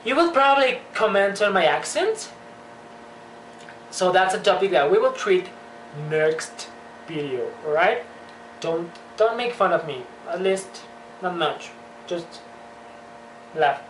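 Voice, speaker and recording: A young woman giving a joking, animated comedy vlog monologue, talking with playful exaggeration. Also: fairly low pitch, slow, pauses often, a little hiss or hum. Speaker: vlogger. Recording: echoey room.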